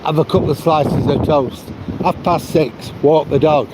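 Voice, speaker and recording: A retired older man from Manchester, England, with a Northern English accent, chats casually, rambling and repeating himself. His voice is fairly high and fairly even, and he speaks unhurriedly. Loud wind and outdoor noise are heard on the recording.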